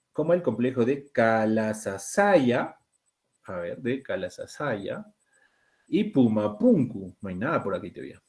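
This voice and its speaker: A Peruvian man teaches an exam-prep class, walking students through questions. His voice leaps high on key words and swings widely in pitch. He slows right down to sound out each word. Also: darkish tone. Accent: Peruvian Spanish. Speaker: language teacher.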